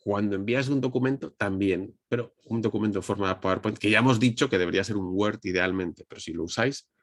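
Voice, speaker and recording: Madrid Spanish man, low voice, communication trainer on a webcam, dry close sound, chatty with restarts. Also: fast talker, no echo. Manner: conversational, addresses audience directly, frequent restarts. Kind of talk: online presentation lesson. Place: indoors at a desk under a ring light. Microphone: webcam on video call.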